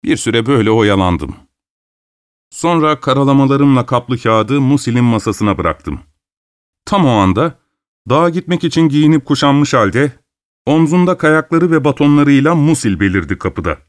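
Storyteller, man, measured, wry, close and dry sound. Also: mid-range voice, lively intonation, dry recording. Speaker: narrator. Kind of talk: scripted story narration.

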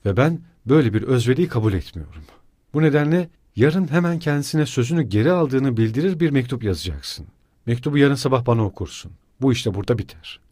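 A man's voice: mid-range voice, animated, brisk, darkish tone, slightly rough, no room sound, clean studio sound. A man voicing a feverish young male student who speaks in strained, broken-off bursts. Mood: bitter. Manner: strained, breaking off abruptly.

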